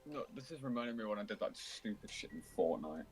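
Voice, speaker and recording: A man's voice: on the low side, very animated, fast talker. A young man streaming, casually telling gaming stories and acting out his friends' lines. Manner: storytelling, acts out friends' lines.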